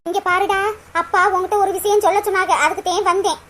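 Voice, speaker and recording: A fretful mother from a cartoon, voiced by a performer, talking fast in an extremely high, squeaky voice. She nags and pleads with her grown son. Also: flat delivery, sharp tone. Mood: nagging. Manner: pleading, nagging.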